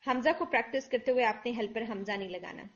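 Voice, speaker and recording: A woman's voice: fairly high pitch, lo-fi sound. A woman teaching tajweed in Urdu, explaining patiently and mixing in English words. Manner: demonstrates letter sounds aloud. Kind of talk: online lesson.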